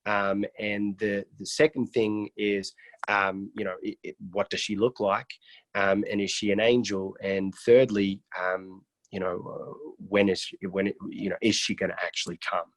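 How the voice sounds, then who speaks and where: A man's voice: on the low side, little pitch movement, normal speed, no room sound. A man from Iraq, a guest on a mentoring video call, telling his life story casually with a joking streak and many restarts. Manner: joking, with frequent restarts and fillers.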